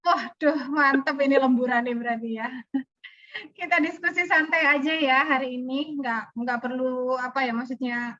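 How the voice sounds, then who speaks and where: A woman's voice: high-pitched, steady tone, moderate pace, sharp tone. A woman teacher from Indonesia giving students a casual, chatty briefing on a video call, with loose phrasing and frequent restarts. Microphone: video call audio. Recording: muffled video call audio.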